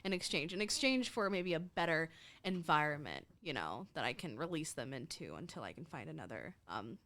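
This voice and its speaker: A young woman at a tabletop game, talking through what her character does in a chatty, casual way. Her voice sits somewhat low for a woman. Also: sing-song, a little fast, a bit bright. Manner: chatty, describes her character's actions in third person. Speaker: player.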